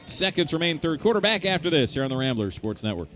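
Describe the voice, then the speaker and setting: A man's voice: a little high, sing-song, fast, over music. A man calling live American football play-by-play as the game's announcer. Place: outdoors at a football stadium.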